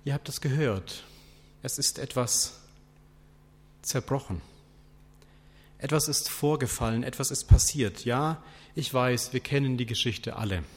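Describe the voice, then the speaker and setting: A male preacher delivers his sermon at an unhurried pace, posing rhetorical questions one after another. His voice sits at an ordinary middle pitch. A long reverb trails each phrase, as in a large church hall. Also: breathy edge.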